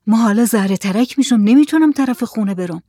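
A man's voice: sits high, animated, warm tone, no room sound, studio quality, pitched above the performer's own voice. A reader voicing a frightened, pleading village man. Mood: fearful. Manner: trembling, pleading speech.

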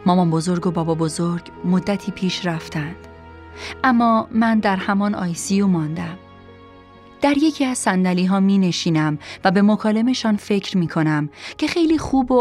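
A woman narrating a first-person audiobook in a quiet, measured, reflective way. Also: lowish voice.

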